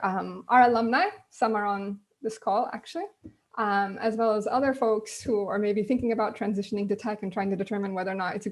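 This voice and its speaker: A woman at her computer hosting a relaxed video-call panel, speaking at an ordinary middle pitch. Her delivery is loose and conversational, dotted with ums as she introduces people and plans the evening. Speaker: host. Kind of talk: casual online panel chat.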